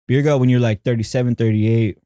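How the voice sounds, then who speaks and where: A man's voice: mid-range voice, fairly even intonation, fairly quick, mellow, smooth, dry recording. A man in his thirties, a podcast guest, chatting casually in a rambling, profane way full of filler words. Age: 30s. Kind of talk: casual chat.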